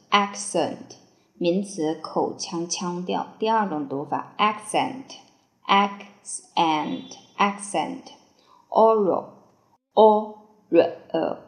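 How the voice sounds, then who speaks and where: A woman with a slightly low voice runs a vocabulary drill at a very slow, deliberate pace. She repeats each word several times before giving its part of speech and meaning. The room around her sounds echoey. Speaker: English vocabulary teacher. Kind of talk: word-by-word spelling and dictation drill.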